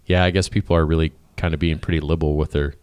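A man's voice: very deep voice, flat delivery, rapid-fire, a little mellow, clean tone, no room sound. A man hosting a brewing show in casual chat, laughing often and restarting his sentences.

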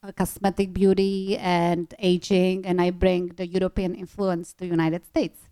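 A woman in her forties from the Czech Republic with a Czech accent, a nurse practitioner who answers in a relaxed, slightly hesitant way. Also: fairly low pitch, unhurried, smooth, no room sound. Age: 40s.

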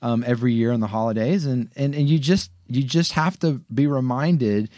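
A man co-hosting a faith podcast, giving earnest advice point by point with deliberate pauses. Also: mid-range voice, dark tone, dry recording, clean studio sound. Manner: earnest, lists points slowly with emphatic pauses. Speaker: podcast co-host offering pastoral advice. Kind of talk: casual faith podcast chat.

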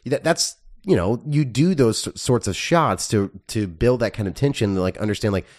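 A man with a lowish voice and moderate pace co-hosts a casual movie podcast as a film reviewer. He thinks aloud thoughtfully and hesitantly, restarting often.

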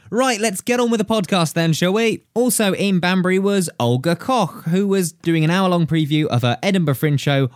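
A man's voice: on the high side, dry recording, clean studio sound. Posh-voiced man telling comedy stories. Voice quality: posh-sounding voice. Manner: chatty, self-deprecating, laughs often. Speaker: podcast host and comedian. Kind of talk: casual storytelling narration.

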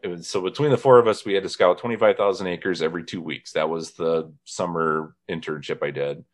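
This podcast host from northern Indiana has a deep voice and a steady tone, speaking a little quickly. In a casual chat, he tells humorous stories and quotes people, laughing as he does.

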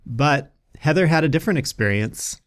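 A relaxed man talking casually as co-host of a hiking show. He keeps an easy, conversational tone and breaks into short chuckles between thoughts. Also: fairly high pitch, normal speed. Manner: easygoing, chuckles often between remarks. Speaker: podcast co-host. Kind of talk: casual chat.

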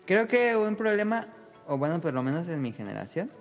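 A man's voice: high voice, sing-song, brisk, in a large hall, soft background music. A man hosting a casual podcast chat, steering the conversation and asking the others questions. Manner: moderating, steering the segment. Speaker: podcast host.

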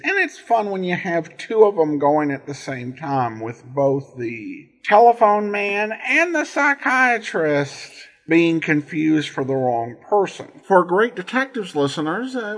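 A man with a husky voice hosting informal commentary on old radio shows, in a halting delivery. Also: fairly high pitch. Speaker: podcast host.

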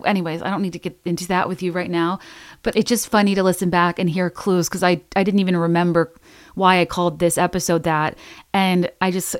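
A woman's voice: on the low side, clear, resonant tone, dry recording, studio quality. A woman in her thirties hosting a podcast, chatting casually and rambling with self-deprecating restarts. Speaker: podcast host. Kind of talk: casual chat.

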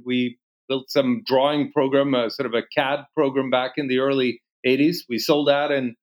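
A man's voice: medium pitch, poor audio. Swedish-born man in his fifties. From Sweden. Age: 50s. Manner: relaxed, many "uh" pauses. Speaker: guest. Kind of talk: interview answers.

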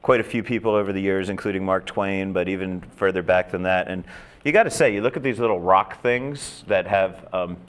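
A man's voice: sits low, fairly quick, smooth. A man hosting a cooking segment, chatting easily and asking his guest questions. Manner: easygoing, chatty, asks questions. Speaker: host.

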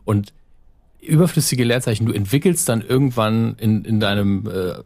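A young man in casual conversation, relaxed and reflective, with dry remarks. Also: on the low side, moderate pace, no room sound. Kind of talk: casual chat.

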